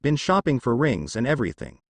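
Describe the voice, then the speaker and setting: A man's voice: medium pitch, sing-song, brisk, husky, no echo. A man voicing a gloating, menacing male demon who mocks his captives. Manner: taunting, mocking.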